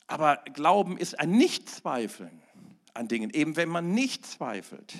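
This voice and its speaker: A middle-aged pastor preaches a sermon in a slightly high, gravelly voice that's sing-song and a little slow. He slams single words at full force, then sinks into near-hushed asides, so his emphatic delivery swings between sudden loud peaks and quiet moments.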